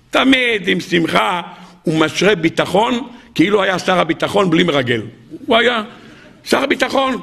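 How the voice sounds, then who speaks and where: A man's voice: fairly high pitch, gravelly, pushed and bright. A man, a rabbi giving a weekly Torah portion sermon to a live audience, telling stories, acting out the characters and firing rhetorical questions at the listeners. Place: live talk before an audience.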